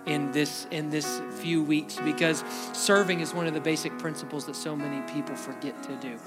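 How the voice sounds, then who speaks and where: A man's voice: on the high side, fairly even intonation, moderate pace. A man preaching a sermon to his church, telling a Bible story and acting out its quotes. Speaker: pastor. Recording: music playing behind the voice.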